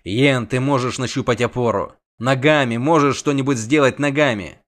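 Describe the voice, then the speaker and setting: A man's voice: medium pitch, moderate pace, lightly acted. A man voicing a terse, strained witcher. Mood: urgent. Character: hardened male witcher hanging from a bridge.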